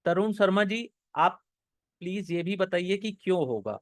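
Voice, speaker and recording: A man's voice: sits high, lively intonation, dry recording. A young man teaching an exam-prep class live, encouraging his students and explaining each answer step by step. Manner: encouraging, explains step by step, reads sentences slowly. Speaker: online English teacher.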